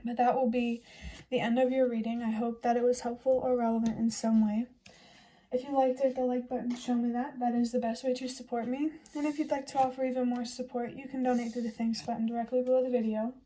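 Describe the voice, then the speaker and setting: A young woman chats through a tarot reading in a gentle, reassuring manner. Her voice sits a little high but sounds mellow and dark-toned. She speaks in an even, level way. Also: fast talker. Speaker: tarot reader. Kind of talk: casual tarot reading to camera.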